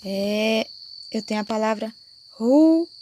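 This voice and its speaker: Brazilian lady teacher, going real slow and patient, crickets chirping faintly behind. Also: on the high side, expressive, dark tone, slight background noise. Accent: Brazilian Portuguese. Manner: slow, explanatory, checks understanding with "né?" and "certo?". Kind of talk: recorded class lesson.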